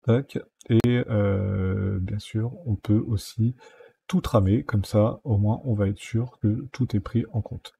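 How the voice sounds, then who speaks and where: A man narrates a software tutorial over his screen, moving through each step with frequent fillers. His voice is very dark and mellow, with a husky edge. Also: on the low side, fairly even intonation, slow pace. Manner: step-by-step, many fillers like "donc" and "euh".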